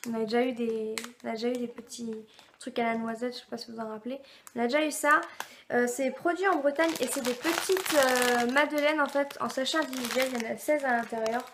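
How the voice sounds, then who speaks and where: A woman's voice: fairly high pitch, fairly even intonation, brisk, background noise. A young woman from France, vlogging a casual unboxing at home, rambling with lots of fillers and restarts. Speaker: beauty and food box vlogger. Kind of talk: casual unboxing chat to camera.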